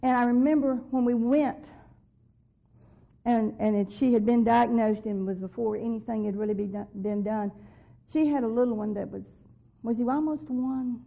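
A woman's voice: a little high, fairly even intonation, moderate pace, creaky, mellow. A woman giving an earnest personal faith testimony, growing emphatic when she repeats what she believes God told her. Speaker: testimony speaker. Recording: dull lo-fi recording.

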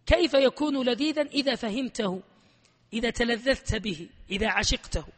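A man teaches a classroom grammar lesson in an animated, emphatic way, quizzing students constantly. His voice sits high. The room is a reverberant hall with a long ringing tail. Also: brisk.

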